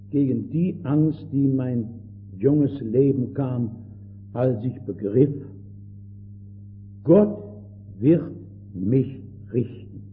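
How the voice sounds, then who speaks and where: An older man preaching a sermon with fervor, swinging between loud outbursts and hushed words. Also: mid-range voice. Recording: tinny old lo-fi recording with faint hiss.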